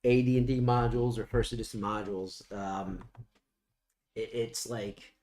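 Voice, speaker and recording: A man's voice: fairly low pitch, steady tone, normal speed, darkish tone. A man running a tabletop game as game master, describing monsters and rules in a loose, rambling way with many ums. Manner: rambling, full of ums and likes. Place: room around a game table.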